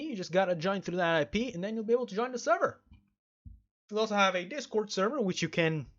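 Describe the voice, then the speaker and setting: A video game streamer and host rambles through let's play commentary in an emphatic, mock-stern style, often repeating phrases. His voice is mid-range and the audio sounds dull.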